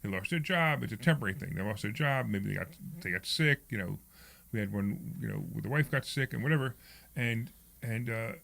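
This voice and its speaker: A man hosting a radio talk show. He chats in a loose, animated way and often restarts his sentences. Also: medium pitch, a little fast, creaky. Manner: animated and conversational, with frequent restarts. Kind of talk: casual radio chat.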